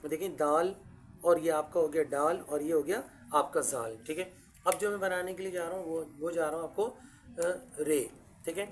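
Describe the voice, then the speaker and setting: A man's voice: a little high, normal speed. A male calligraphy teacher with an Urdu accent talks his students through each stroke. He is patient and repetitive, often stopping to say "look here, beta". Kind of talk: step-by-step handwriting lesson.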